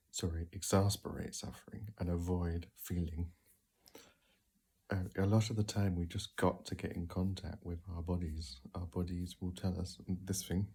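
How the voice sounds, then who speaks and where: A man speaking casually and bluntly in a self-help monologue, animated and laughing between points. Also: low voice, breathy edge.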